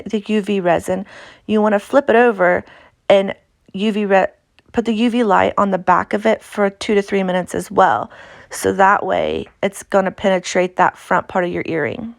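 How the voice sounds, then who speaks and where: A woman with an Appalachian accent from the United States voices a craft tutorial, talking it through in a casual, chatty, informal way. Her mid-range voice is creaky, recorded dry with studio quality.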